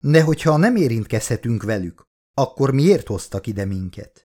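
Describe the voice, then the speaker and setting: A man's voice: mid-range voice, sing-song, warm tone, natural voice. A man reading the lines of an eager female scientist in an earnest, enthusiastic way. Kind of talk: audiobook character reading.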